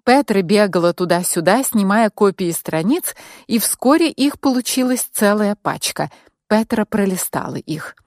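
A woman reading a first-person audiobook in a calm, measured way. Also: medium pitch, no echo, clean studio sound. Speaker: audiobook narrator.

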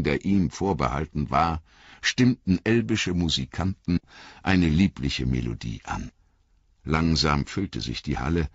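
A man reading a fantasy novel aloud as audiobook narrator, slow and expressive. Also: extremely low pitch, slightly rough, dry recording. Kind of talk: scripted narration. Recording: slightly muffled dry recording.

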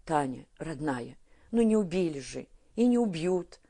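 Woman reading a young male fighter, earnest and soothing, low-voiced. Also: expressive, a little slow, heavily acted. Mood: comforting. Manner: warm, reassuring.

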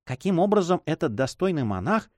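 A gentle young noblewoman, voiced by a male reader, soft and pleading in an adventure audiobook. The reading moves through a lively pitch range, and the sound is dry. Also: a little fast, no echo. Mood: distressed.

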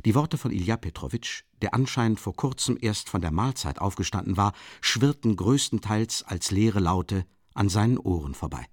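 A man narrating a literary audiobook in a measured way, letting his phrase ends sink low. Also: expressive, dry recording, clean studio sound.

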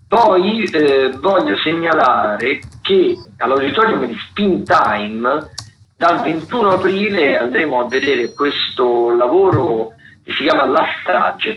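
A man with a mid-range, slightly bright voice presents theatre listings on radio, semi-improvised and stop-and-start, often repeating words. The community radio broadcast sounds muffled and noisy.

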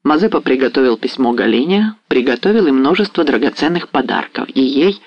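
A man narrating a historical novel as an audiobook reader, steady and even. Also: medium pitch, fairly quick, no echo, lo-fi sound.

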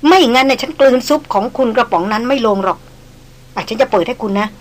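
A woman voicing a proud young noblewoman who stammers and hesitates with fillers, pitching her voice a little higher. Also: lively intonation, moderate pace. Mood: insistent. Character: proud young noblewoman, haughty yet flustered.

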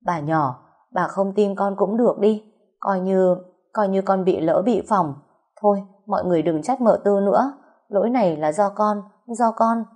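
A woman's voice: medium pitch, moderate pace, a little mellow, natural voice. A woman voicing a tearful, scheming young female servant in an audio story. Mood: tearful pleading.

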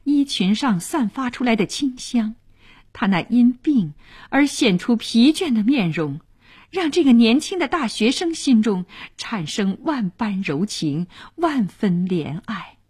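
A woman narrating a radio story in an expressive, dramatic way. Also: on the high side, unhurried, breathy edge.

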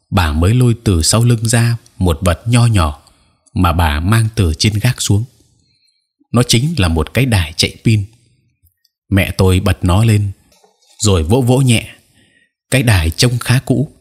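A man narrating a horror story as an audiobook reader, telling it in the first person with steady, measured delivery. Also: on the low side, breathy edge.

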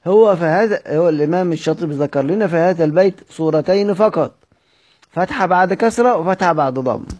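Teaching Quran recitation with an Egyptian accent, a man with a high-pitched, darkish voice reads a classical text aloud before explaining it in everyday speech. He keeps asking questions and slowly spells out examples of words.

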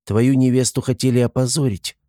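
A man playing a bold, sharp-tongued young mountain woman who speaks bluntly and with threats. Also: mid-range voice, steady tone, a little fast, no echo, studio quality, pitched above the performer's own voice, natural voice. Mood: indignant.

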